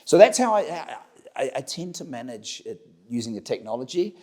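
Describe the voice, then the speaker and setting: Very animated and brisk, this middle-aged New Zealand man speaks at medium pitch with a dark tone. He is a company director answering interview questions in a conversational way, often repeating himself and restarting mid-thought.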